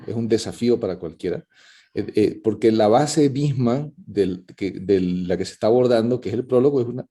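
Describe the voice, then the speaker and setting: Deep-voiced man with a very dark tone. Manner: thoughtful, explaining, with many fillers and restarts. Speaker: conference participant. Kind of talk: spoken commentary in an online talk. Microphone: video call microphone.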